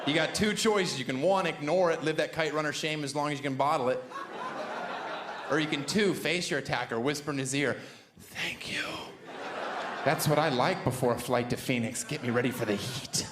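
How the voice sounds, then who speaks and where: A man performing a stand-up comedy set, sardonic and deadpan, slipping into shrill mock voices. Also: brisk, noisy background. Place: comedy club stage before a laughing audience. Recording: echoey room with loud crowd.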